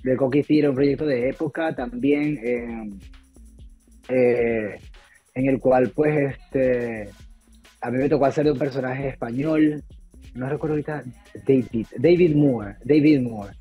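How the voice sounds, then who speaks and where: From a room at home, a Venezuelan actor joins a video call as a guest for a relaxed chat about his stage work, rambling and often restarting amid many fillers. He speaks at a measured pace in a slightly rough, medium-pitched voice, and the audio is dull and lo-fi with faint music.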